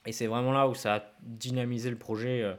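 A man's voice: medium pitch, level tone, fast talker. Chatty, hesitant male podcast host. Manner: hesitant, many fillers, chatty and informal. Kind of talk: casual podcast interview.

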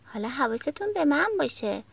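A woman's voice: high voice, big pitch swings, gravelly, husky, dry recording, recorded from a distance, voice pushed up, exaggerated voice. A woman voicing a confident, bossy little girl who instructs other children in a children's storybook.

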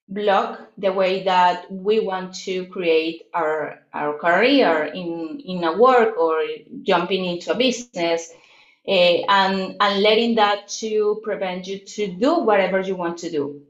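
Reflective and full of fillers and restarts, a Latin American woman chats as a guest in a casual interview. Her voice is mid-range, the room around her echoes, and the recording sounds dull.

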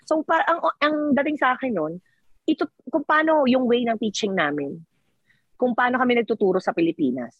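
Animated woman from the Philippines, dry sound. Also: a little high, a little fast, breathy edge, no echo, highs cut off. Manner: animated, frequent laughs and self-corrections. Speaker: guest, teacher working in the US. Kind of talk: casual chat, Taglish.

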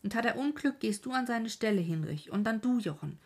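A woman's voice: a little high, expressive, brisk, a little mellow, pitched above the performer's own voice. A woman voicing a stern male village leader giving urgent orders in battle. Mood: commanding.

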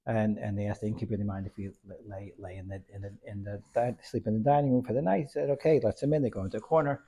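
A man with gives an informal religious lesson with stories, haltingly repeating words as he goes. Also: fairly low pitch, steady tone, dark tone, slightly rough. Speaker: religious teacher.

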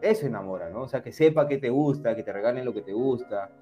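A man's voice: mid-range voice, lively intonation, fast talker, dark tone, soft background music. A man co-hosting a casual podcast, joking and rambling as he reads live comments. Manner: joking, rambling, mocks a Spain accent. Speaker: podcast co-host.

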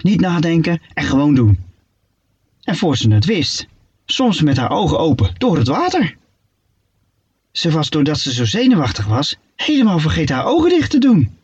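A man reading a children's story aloud in an animated, playful way. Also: fairly high pitch, moderate pace, slightly rough. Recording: dull lo-fi recording.

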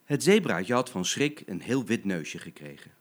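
Animated grandfather reading aloud. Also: on the low side, normal speed. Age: older. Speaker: grandfather storyteller. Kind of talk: reading a bedtime story aloud.

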